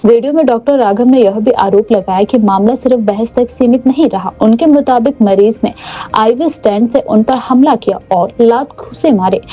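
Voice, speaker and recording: Woman, news anchor, formal scripted reading, slightly high, mellow, dull lo-fi sound. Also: moderate pace. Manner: formal, even news delivery.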